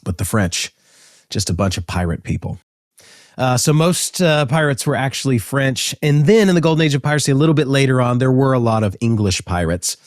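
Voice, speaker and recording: A man hosting a casual educational talk, animated and joking, with frequent fillers. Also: medium pitch, brisk, no echo, clean studio sound. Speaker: host.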